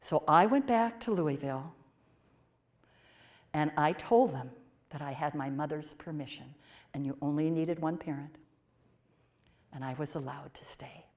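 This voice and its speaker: A woman portraying a pioneering 1830s nun, telling her story in the first person with expressive swings from emphatic to hushed. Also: deep voice, unhurried, long pauses. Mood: earnest. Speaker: performer of a historical portrayal.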